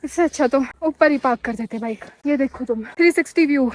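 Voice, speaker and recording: A young woman with a Pahari-accented Hindi voice, pitched high, chats straight to her viewers in a lively travel vlog. She talks outdoors on a snowy mountain pass, recorded on a handheld camera, and sounds a little short of breath from the altitude. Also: fast. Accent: Pahari-tinged Hindi. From Himachal Pradesh, India. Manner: chatty and excitable, addressing viewers directly. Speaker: solo motorcycle travel vlogger.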